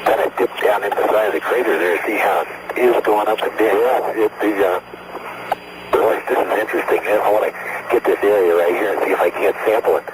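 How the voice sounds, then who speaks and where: Man, astronaut radio transmission, heavy static and noise, lowish voice, casual working chatter, headset sound. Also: fairly even intonation, a little fast. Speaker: astronaut on a moonwalk. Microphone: headset in spacesuit. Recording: very noisy archival space radio link.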